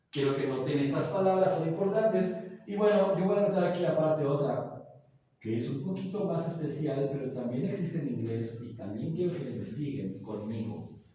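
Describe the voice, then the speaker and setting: A man's voice: fairly high pitch, warm tone. A male teacher, patiently explaining grammar to a class, with many examples and frequent checks that students follow. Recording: echoey classroom, from far off.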